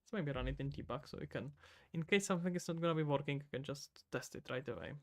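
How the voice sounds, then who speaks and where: Talking fast in a high-ish voice, this Czech game developer streams live, muttering to himself while he codes. He has a Czech accent and drops casual, loose remarks to his chat.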